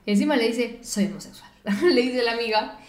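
A woman's voice: fairly high pitch, a little fast. A young woman with a Rioplatense Spanish accent chatting casually as co-host, retelling film scenes and acting out the lines. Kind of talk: casual chat. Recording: echoey room.

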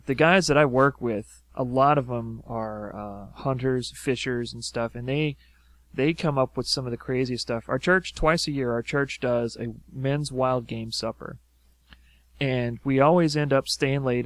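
Casual and filler-heavy, a podcast host from South Louisiana rambles his way through storytelling in a dry recording. His voice falls in the mid range.

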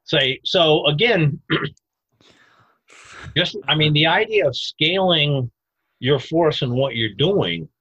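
Husky, emphatic man explaining techniques. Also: fairly high pitch, takes it slowly, long pauses, dry recording, muffled recording. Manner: emphatic, animated explaining with bursts of mock shouting. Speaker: self-defense instructor. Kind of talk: conversational podcast interview.

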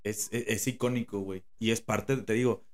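This podcast co-host is a man with a Mexican Spanish accent whose fairly low voice stays fairly even at a moderate pace. The chat is casual, slangy and meandering, with lots of fillers and false starts.

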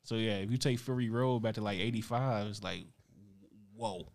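A man's voice: lowish voice, normal speed. A man hosting a casual movie podcast, reading out film news between jokes and laughter. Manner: laughs often, rattles off news items with fillers. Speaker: podcast host.

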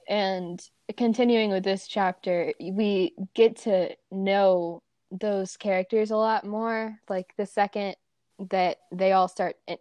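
A young woman co-hosting a book podcast, chatting casually with hesitant fillers and quick interjections. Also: mid-range voice, a little mellow, no room sound. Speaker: podcast co-host.

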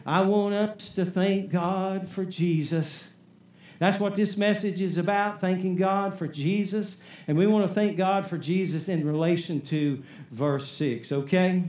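High-pitched emphatic preacher man. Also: darkish tone. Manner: emphatic, call-and-response preaching with "Amen?". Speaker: pastor. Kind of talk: sermon. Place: church. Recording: echoey church sanctuary.

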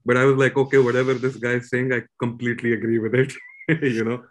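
A man in his thirties from Pakistan, a rapper calmly telling his story on a podcast, English not his first language. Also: medium pitch, quick pace. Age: 30s. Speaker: rapper guest. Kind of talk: casual podcast chat.

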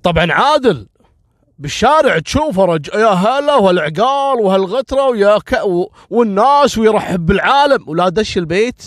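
A man's voice: sits high, animated, fairly quick, dry recording, clean studio sound. A man telling a family story casually, with emotional asides.

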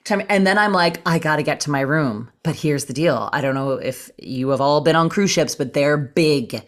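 A woman casually telling a funny story in a chat, animated and acting out quoted lines. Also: moderate pace. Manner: animated, acts out quotes in a high voice.

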